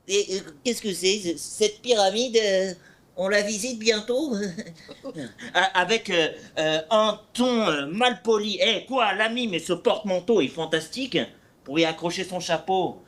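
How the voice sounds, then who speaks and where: A man's voice: sits high, a bit bright. Cyrano, a man playing a proud big-nosed swordsman poet. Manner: proud, teasing, theatrical recitation with hesitant fillers. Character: boastful witty male swordsman poet with a huge nose. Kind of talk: amateur stage play performance.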